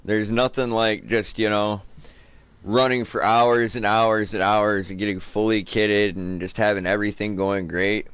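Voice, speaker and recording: A man's voice: fairly low pitch, fairly even intonation, measured pace, fairly bright tone, clear, resonant tone, no room sound. A man streaming a survival game live, talking casually to viewers, saying dude and man and swearing freely.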